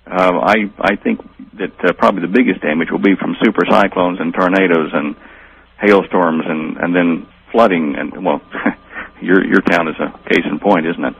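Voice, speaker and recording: Guest on the phone: a low, husky man, muffled line, meandering answers. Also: steady tone, moderate pace, fairly bright tone. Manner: rambling, many fillers and restarts. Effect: over a long-distance phone line. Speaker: guest expert.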